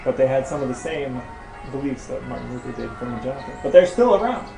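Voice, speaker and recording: An American man co-hosts a podcast, chatting casually and posing playful interview questions with dry mock seriousness. His mid-range voice is animated and quick, with vocal fry. The room is echoey, with faint music in the background.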